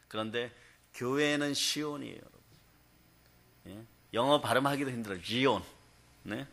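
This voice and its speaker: A man's voice: medium pitch, pushed and bright. A male pastor preaching a revival sermon, telling stories and often prompting the congregation for a response. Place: prayer hall.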